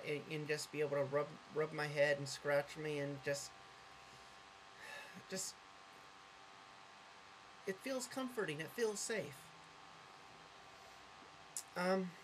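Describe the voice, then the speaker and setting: Speaking to camera in a casual vlog monologue, this woman has a voice on the low side. Her manner is earnest and openly affectionate as she rambles, corrects herself frequently, and drifts off topic, and the rough recording carries slight background noise.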